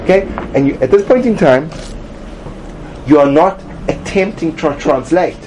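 A man teaching a Talmud study class, emphatic and animated, acting out little voices to make his points. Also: fairly high pitch, measured pace, a little hiss or hum. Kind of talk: classroom lecture.

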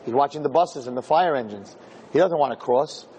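A man's voice: mid-range voice, lively intonation, brisk, warm tone, a little hiss or hum, low-quality recording. A man giving an informal Torah lecture to a roomful of listeners, speaking emphatically and throwing rhetorical questions at them. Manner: emphatic, asks the audience many rhetorical questions. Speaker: rabbi giving a class. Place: lecture room with an audience.

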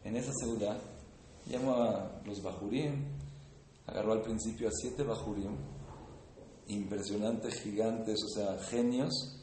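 A man's voice: fairly low pitch, steady tone, unhurried. Guy giving a torah class, tells stories, repeats words to hammer them home, echoey room w faint hum behind. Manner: emphatic, repeats words for effect, loudness swings. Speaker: rabbi teaching a class. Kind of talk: Torah lesson with storytelling. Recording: roomy echo with faint ambience.

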